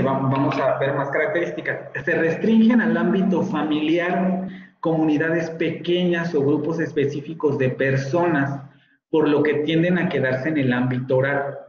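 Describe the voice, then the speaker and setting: A man's voice: fairly high pitch, normal speed. A man with a Mexican Spanish accent giving a university lecture online, explaining step by step and often checking in with his students. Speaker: university teacher. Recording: very echoey, dull online class audio.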